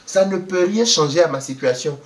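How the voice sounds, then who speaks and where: A man telling a story in a lively, casual way, often laughing and acting out the people he quotes. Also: fairly high pitch, moderate pace, far from the mic. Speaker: vlogger telling a travel story. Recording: roomy echo, voice away from the mic.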